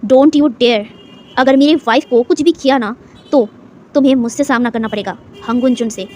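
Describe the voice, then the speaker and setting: A woman's voice: high voice, moderate pace, a little mellow, a little hiss or hum, natural voice. A woman voicing a cold, stern young man in a fan-fiction story reading, speaking in a clipped, firm tone. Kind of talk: storytelling with acted dialogue.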